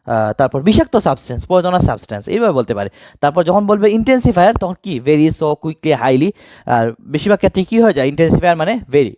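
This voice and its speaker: A man's voice: a little high, a little mellow, no echo. A man teaching an exam-prep grammar lesson, asking questions and answering them himself.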